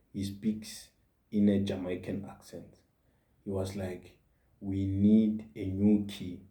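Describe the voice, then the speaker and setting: A man's voice: fairly low pitch, warm tone. A man in his forties gives a motivational monologue as a podcast host, earnest and repeating his points for emphasis. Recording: roomy echo.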